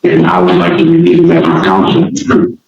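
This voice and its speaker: A man speaking as a defendant in court, in a halting, pleading way that often restarts, heard in a courtroom recording. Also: a little high, monotone, vocal fry, darkish tone, a little hiss or hum. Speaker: self-represented defendant. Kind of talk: courtroom speech. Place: large courtroom. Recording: echoey courtroom, distant muffled mic.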